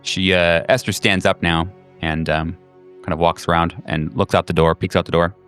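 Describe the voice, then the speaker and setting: A man narrating a tabletop horror game as game master, halting with many fillers. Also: deep voice, flat delivery, a bit bright, clean tone, faint music behind.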